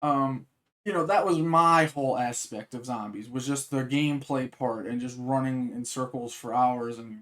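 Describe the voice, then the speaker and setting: A man's voice: mid-range voice, normal speed, a bit bright. A man rambling casually as he sets up a reaction to a video, with many fillers and restarts. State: hiccups. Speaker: reaction streamer.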